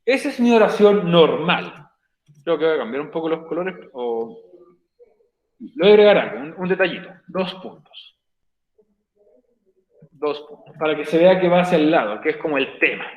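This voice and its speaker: A man's voice: on the high side, very animated, normal speed, pauses often, highs cut off. A male teacher explaining grammar patiently in an online class, repeating each step. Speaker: English teacher. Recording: echoey room.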